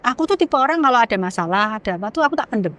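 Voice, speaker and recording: A woman's voice: on the high side, lively intonation, fairly bright tone. Emotional woman. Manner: emotional, halting, searching for words. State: teary-eyed. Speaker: podcast guest. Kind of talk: candid personal testimony in casual chat.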